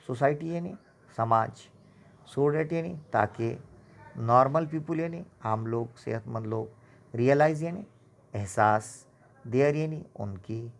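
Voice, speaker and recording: A man teaching a school English lesson, explaining slowly and with emphasis, switching between English and Hindi-Urdu. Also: fairly high pitch, vocal fry, a little mellow. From India. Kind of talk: classroom lesson explaining a poem.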